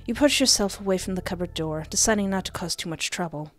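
Over background music, a young adult woman runs a gaming video, reading text aloud dramatically and then dropping into casual commentary. Her fairly low voice comes fast, picked up closely by a desk microphone with a headset.

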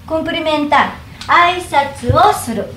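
Woman teacher, high voice, slowly models greetings, roomy echo. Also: expressive, pushed and bright. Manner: slow careful demonstration of each phrase. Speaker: Japanese teacher. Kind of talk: language lesson. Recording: echoey room, faint hum.

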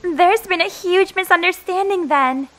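Woman as a bright, very high-voiced mermaid mother. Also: unhurried, soft background music. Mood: grateful, gentle. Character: fierce, devoted mermaid mother seeking her lost daughter. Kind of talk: animated game-story voice acting.

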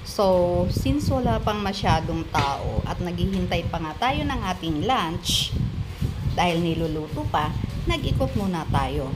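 A middle-aged Filipino woman records a casual vlog on a phone held out at arm's length. Her voice sits low and her delivery is unhurried and chatty, with easy laughs. Loud background noise from traffic and the outdoors runs underneath. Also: big pitch swings. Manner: chatty, laughs easily, mixes Tagalog and English. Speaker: vlogger. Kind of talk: casual travel vlog chat. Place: outdoor garden restaurant, then inside a car.

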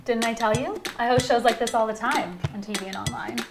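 A woman's voice: fairly high pitch, fairly quick, background noise. A young woman co-hosting a comedic cooking show in a home kitchen, giving instructions in a polished presenter manner. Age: young adult. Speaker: co-host.

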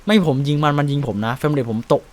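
A young man with a Thai accent giving casual gameplay commentary, chatty and excitable, swearing casually while he explains tactics. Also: on the high side, fast talker, a little hiss or hum. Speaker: game streamer.

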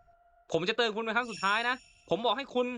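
A man's voice: high-pitched, fairly quick, bright, forceful tone, slight background noise, pitched above the performer's own voice. A man voicing a stern male officer who warns a stranger and orders her to kneel, lifting his voice above his usual talk. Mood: commanding. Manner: commanding, warning tone.

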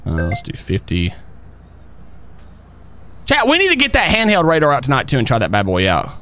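A man chatting casually as a live game streamer, folksy and excitable as he talks to his viewers and buddies. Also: mid-range voice, normal speed, soft background music. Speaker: streamer and police role-play host. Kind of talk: casual live stream chat while playing.

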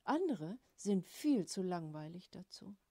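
A woman playing a calm, teasing mother. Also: fairly low pitch, a little slow, dry recording, full character voice. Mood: wry.

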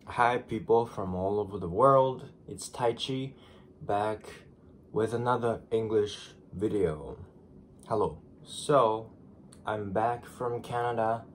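A Japanese vlogger in his twenties, with a Japanese accent, talks casually to a camera set on the desk in front of him in his small bedroom. He's groggy from just waking up, chatty and self-deprecating, and often restarts phrases. His voice is fairly low and slow, with slight background noise.

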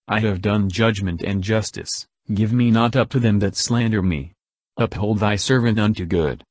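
A man with a lowish voice reads the Psalms aloud, verse by verse, in a measured and solemn way. The sound is dry and close, with no room around it. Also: no echo. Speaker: scripture reader.

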